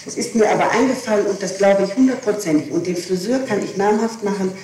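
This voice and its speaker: On a noisy, very echoey archival interrogation tape from an echoing room, a woman speaks quickly in a warm, mid-range voice. She recounts events in insistent detail while being questioned, often stopping to correct herself.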